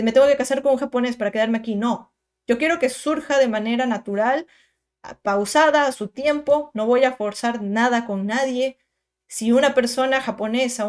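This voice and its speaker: Chatty woman in her twenties. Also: on the high side. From Peru. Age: 20s. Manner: chatty, emphatic, many asides and tag questions. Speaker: content creator. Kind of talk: casual storytime monologue.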